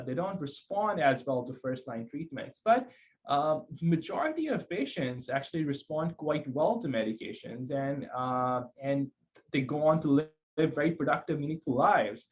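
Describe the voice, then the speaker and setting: A man's voice: mid-range voice, moderate pace, rough recording. A man from Pakistan, a psychiatrist guest, answering in a thoughtful, conversational way with frequent restarts and fillers. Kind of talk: conversational interview.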